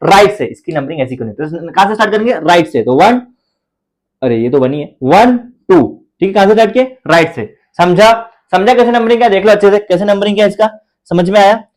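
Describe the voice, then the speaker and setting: A man with an Indian accent teaches a chemistry class in a high, expressive, fast voice, and the audio quality is poor. He repeats his questions, answers them himself, and counts aloud in a playful chant.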